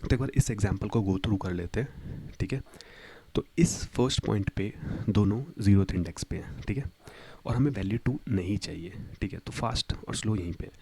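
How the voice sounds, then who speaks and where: Young male tutor, relaxed and chatty, lowish warm voice, screen-recording lesson feel. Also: moderate pace, a little hiss or hum. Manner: chatty, storytelling with repeated "ठीक है". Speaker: coding tutor. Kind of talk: casual explainer lesson.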